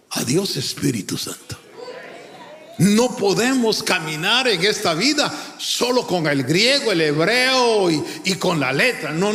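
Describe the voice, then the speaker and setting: Animated, high-pitched preacher in a reverberant hall. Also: male voice. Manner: emphatic, addresses listeners as brother, sings lines. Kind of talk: sermon.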